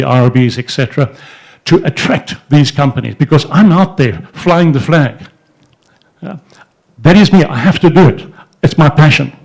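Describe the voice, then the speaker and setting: Heard over a rough recording, the man's mid-range voice is a little mellow. The older entrepreneur addresses a society event audience indoors in front of a banner, rambling through stories with plenty of restarts and fillers, microphone in one hand and gesturing with the other.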